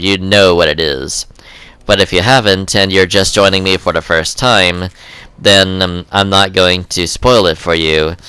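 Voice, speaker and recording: A man's voice: deep voice, sharp tone, smooth, no echo. A young man giving casual gameplay commentary in a rambling way, full of ums and uhs.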